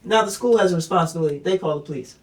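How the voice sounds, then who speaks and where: Brief: high-pitched man, podcast co-host, probing and argumentative, heard from a distance. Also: racing. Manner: probing, makes points with questions and frequent "mm-hmm"s. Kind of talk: casual chat.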